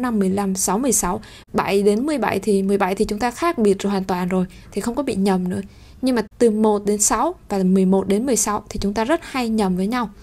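A woman teaching a French lesson, explaining in a patient way and repeating each number slowly and clearly. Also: mid-range voice, dark tone. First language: Vietnamese. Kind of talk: language lesson.

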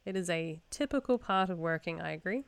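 A woman's voice: on the low side, lively intonation, fairly quick, creaky, clean tone. A young woman from New Zealand co-hosting a podcast, telling stories in an informal, self-amused way. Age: young adult. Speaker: podcast co-host. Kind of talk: casual conversational storytelling.

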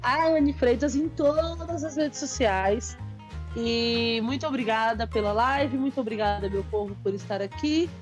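A woman's voice: on the high side, a little slow, soft background music. A young woman co-hosting a livestream, sleepy and affectionate, thanking her viewers. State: sleepy, coughing. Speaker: livestream co-host. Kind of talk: casual livestream chat.

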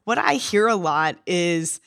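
A woman's voice: lowish voice, lively intonation, measured pace, gravelly, fairly bright tone, smooth. A young woman in her twenties co-hosting a podcast in casual chat, sounding nasal from a cold, with a slight Texan accent, upbeat and chatty. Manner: upbeat, chatty, laughs easily. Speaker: podcast co-host.

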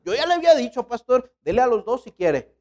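A man voicing an insistent churchgoing single mother who eagerly urges her pastor, in a raised pitch. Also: very animated, a little fast, a little mellow.

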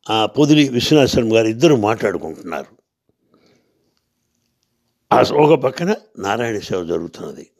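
A man's voice: medium pitch, darkish tone. A man telling a devotional story, asking rhetorical questions and answering them himself.

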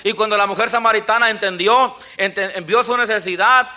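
Male pastor, church sermon, bright and high, many amens to the congregation. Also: fairly even intonation, moderate pace. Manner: preaching with frequent "amén, hermanos" and quoted scripture. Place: church sanctuary.

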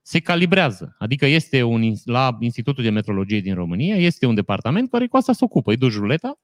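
A man's voice: medium pitch, sing-song, no room sound. A man, co-hosting a casual chat and giving long technical explanations with dry jokes. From Romania.

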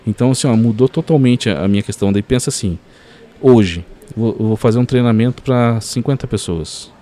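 A man's voice: mid-range voice, brisk. A man telling a story as a podcast guest, full of fillers like "cara". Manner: animated storyteller, many fillers like "cara" and "assim, ó".

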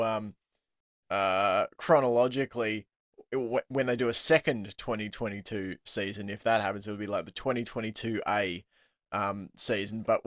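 An Australian man hosting a casual sports podcast, chatty and quick to laugh, with plenty of ums. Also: on the low side, no echo, studio quality. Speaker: podcast host.

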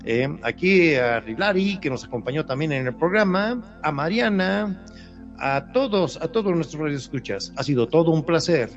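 Guy hosting a radio show, kinda high voice, super animated, music under him. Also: moderate pace. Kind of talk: casual live radio chat. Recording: dull lo-fi online radio with music.

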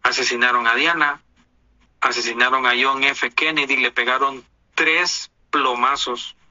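Slow, emphatic Honduran man on a lo-fi recording. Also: mid-range voice, fairly even intonation, pushed and bright, dry recording. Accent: Honduran Spanish. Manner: emphatic, indignant, preachy. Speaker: commentator. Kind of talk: opinion monologue.

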